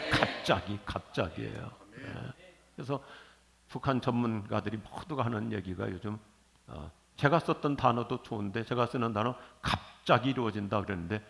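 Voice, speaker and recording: An older man preaching a sermon in a church, lively and jokey with sudden loud bursts. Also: medium pitch, gravelly. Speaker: pastor. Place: church sanctuary.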